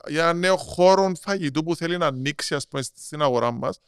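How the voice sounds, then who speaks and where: A man with a Cypriot Greek accent explaining things in casual interview talk, halting and repeating words as he goes. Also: on the high side, clear, resonant tone, dry recording, clean studio sound. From Cyprus. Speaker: podcast guest, marketing strategist.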